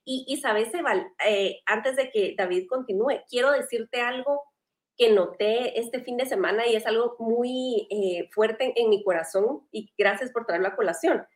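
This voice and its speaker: A woman's voice: a little high, unhurried, roomy sound. Earnest woman hosting a faith panel. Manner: earnest, animated, conversational. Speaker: host.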